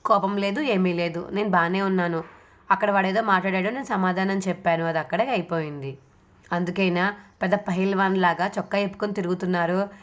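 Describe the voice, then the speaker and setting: A woman's voice: mid-range voice, fairly even intonation, brisk, natural voice. A woman reading the part of a stubborn young husband who speaks curtly and dismissively.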